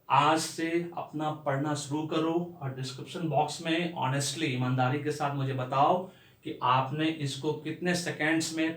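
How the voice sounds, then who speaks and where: A man's voice: fairly high pitch, distant mic. Man teaching English in a roomy echo. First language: Bengali. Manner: explanatory, spells words letter by letter. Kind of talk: spoken English lesson.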